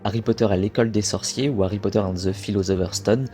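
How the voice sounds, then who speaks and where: A man's voice: fairly low pitch, fairly even intonation, quick pace, dark tone. A young man from France talking casually to camera, chatty and self-correcting as he goes. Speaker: video creator.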